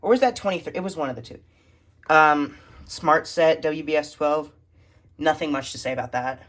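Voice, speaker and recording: Filming on a handheld phone from behind the camera, a hobbyist collector shows off a radio collection piece by piece. The voice is medium-pitched and fairly bright, the narration casual, halting and list-like, set indoors among shelves of electronics.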